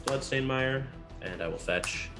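A man's voice: medium pitch, expressive, unhurried, music in the background. A man playing a card game who makes sarcastic quips and swears at bad luck. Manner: sarcastic, swears, mock self-pity. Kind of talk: casual gameplay chat.

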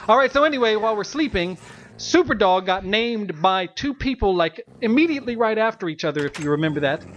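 A man's voice: sits high, lively intonation, a little fast, fairly bright tone, dull audio. Rambling, jokey man gaming. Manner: rambling, self-mocking, laughs often. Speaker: Let's Play co-host. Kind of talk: casual gameplay chat.

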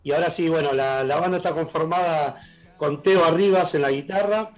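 A middle-aged Argentine man with a worn, husky voice, a blues musician talking enthusiastically on a casual radio interview over a video call. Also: fairly high pitch, faint music behind, low-quality recording. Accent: Argentine Spanish. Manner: enthusiastic, halting with fillers. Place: room at home, joining by video call.

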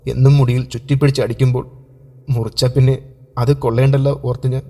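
A man's voice: mid-range voice, flat delivery, natural voice. A man doing a frightened young wife. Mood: fearful, subdued. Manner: soft, subdued, halting.

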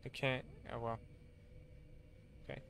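A man casually commenting while playing a game, hesitant and often filling pauses with "um" and correcting himself. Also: fairly bright tone, a little hiss or hum. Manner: hesitant, full of ums and self-corrections. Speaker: game streamer.

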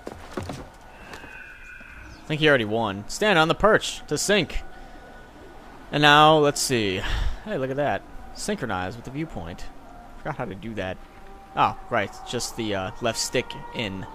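A man's voice: medium pitch, lively intonation, a little slow, long pauses, sharp tone, a little hiss or hum. A young man casually commenting on his gameplay, sarcastic and swearing, joking at his own mistakes. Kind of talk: casual let's-play commentary.

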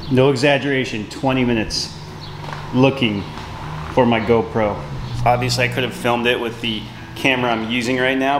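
A man with a medium-pitched voice narrates a DIY renovation vlog casually and informally, explaining hands-on as he works. The room echoes, there's background noise, and music plays underneath.

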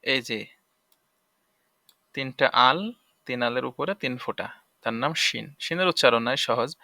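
A man teaching Arabic letters and their sounds, speaking in a Bangladeshi Bengali accent. He explains slowly, drills each letter's sounds aloud, and asks now and then whether his listeners have understood. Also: mid-range voice, bright, forceful tone, no room sound. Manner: asks "okay?" to check understanding. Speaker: Quran reading teacher. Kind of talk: spoken lesson.

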